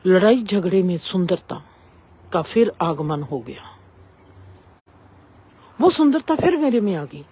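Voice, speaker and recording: A woman telling a reflective spiritual story in a slow, measured way with long pauses. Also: mid-range voice, lively intonation, warm tone, slightly rough.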